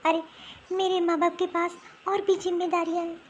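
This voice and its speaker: Cartoon bride, a woman voicing her: tearful, pleading, very high, faint background hiss. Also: level tone, moderate pace, dull audio. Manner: pleading, self-pitying complaints. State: crying. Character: young pregnant daughter-in-law, wronged and tearful. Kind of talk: Hindi cartoon voice acting.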